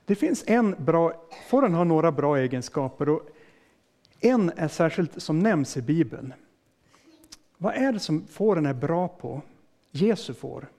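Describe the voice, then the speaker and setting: A man with a fairly high voice preaches a sermon as a pastor. He talks in a plain, explaining way, putting questions to his listeners and leaving everyday fillers and restarts in his speech. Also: expressive, a little mellow.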